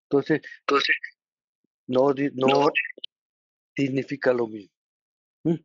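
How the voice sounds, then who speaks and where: A man with a Mexican Spanish accent teaching a study group, halting and often pausing to check that listeners follow. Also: mid-range voice, fairly even intonation, dry recording. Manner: checks understanding with frequent tag questions; halting, with many restarts and filler words. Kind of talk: explanatory lesson. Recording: dull, lo-fi recording.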